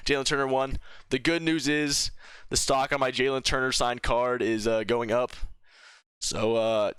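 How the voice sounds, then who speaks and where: A young man talks through a fight card in a loose, opinionated ramble full of fillers and restarts. His voice is bright and crisp, with a smooth, clear tone. He is recorded close and dry. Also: mid-range voice, dry recording. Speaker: MMA commentary vlogger. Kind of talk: casual fight reaction commentary.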